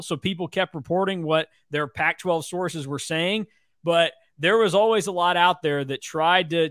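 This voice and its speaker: Higher-voiced man arguing sports opinions. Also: fairly bright tone, no echo, clean studio sound. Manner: impassioned, argumentative, mimics others' reactions. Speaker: sports podcast co-host. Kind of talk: sports talk debate.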